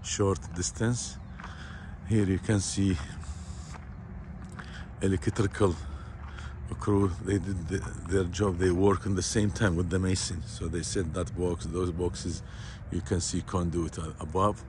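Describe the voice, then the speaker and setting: Deep flat guy explaining site work, repeats himself, phone mic outdoors. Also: background noise. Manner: plain, repetitive, halting phrasing. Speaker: construction site supervisor. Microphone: phone camera held by the speaker.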